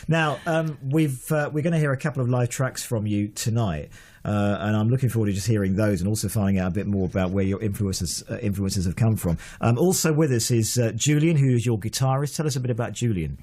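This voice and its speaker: A male radio host leading a relaxed studio interview. He talks in a chatty, joking way and pokes fun at himself between questions. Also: medium pitch, fast, hardly any pauses. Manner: chatty, jokey, self-deprecating.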